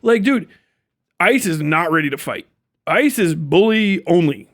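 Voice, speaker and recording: Speaking a little slowly in a voice that sits high, a man rambles casually as a livestream host. He's blunt, profane and slangy, and he keeps breaking into animated, acted-out snippets of imagined conversation.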